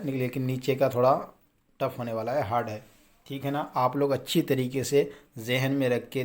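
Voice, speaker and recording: A patient male teacher gives a relaxed Quran reading lesson in an easy, conversational voice. He quizzes his listeners, answers his own questions, and stretches each example word out slowly. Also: mid-range voice. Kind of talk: casual spoken lesson.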